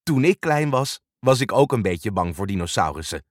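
A man reading a storybook and voicing Leo, a kind young helper who speaks gently and reassuringly. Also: fairly low pitch, very animated, moderate pace, no echo, clean studio sound.

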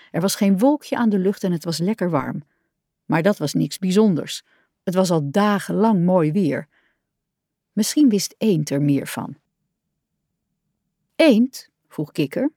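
A woman reading a children's picture book aloud, in a gentle, expressive way. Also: fairly low pitch, no echo, clean studio sound. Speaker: storyteller.

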